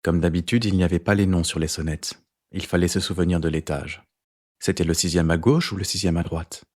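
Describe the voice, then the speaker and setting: Male audiobook narrator, very low voice, measured literary first-person reading. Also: steady tone, a little mellow.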